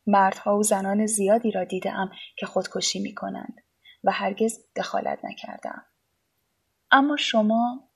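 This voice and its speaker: A calm, needling artist in an audiobook, unbothered and faintly amused, as a woman reading aloud gives him voice. The tone stays husky and slightly breathy, pitched at an ordinary middle height. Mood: provoking. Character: aloof, mocking male artist on a cliff.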